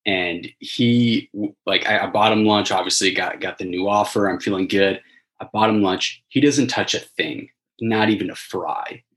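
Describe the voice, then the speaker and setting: A man's voice: lowish voice, moderate pace, fairly bright tone, rough recording. A man co-hosting a casual chat, telling stories from his sales job with frequent restarts and laughter.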